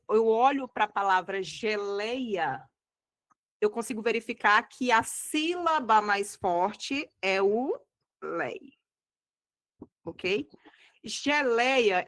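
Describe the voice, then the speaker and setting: A woman's voice: mid-range voice, a bit bright. A woman with a Brazilian Portuguese accent teaching an exam-prep grammar lesson, explaining step by step and checking in with her students often. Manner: didactic, checks in often with "tá?" and "tá bom?"; slows down to stress key words.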